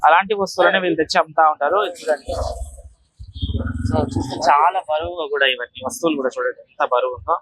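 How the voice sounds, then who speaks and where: This vlogger leads a market tour with a slightly high voice, a quick pace, and a fairly bright tone, though the recording quality is low. He walks and talks casually, addressing viewers directly and explaining as he goes, with filler tags repeating throughout.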